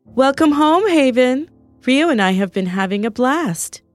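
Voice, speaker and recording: A woman reading Stevie, excitable and indignant. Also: mid-range voice, normal speed, no echo, soft background music, close to an everyday voice. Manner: stammering, rising indignation. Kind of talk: storybook character reading.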